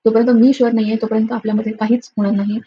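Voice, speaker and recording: A woman's voice: a little high, level tone, racing. A woman casually retelling a TV serial episode, rambling with lots of filler sounds and restarts. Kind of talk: casual spoken episode recap. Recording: dull lo-fi audio with faint noise.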